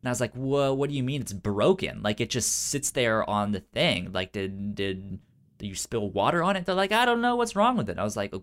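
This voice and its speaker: An animated man with a mid-range, slightly bright voice talks fairly quickly as a podcast co-host in casual storytelling chat. He stutters on the first sounds of words and acts out exchanges while relating his stories.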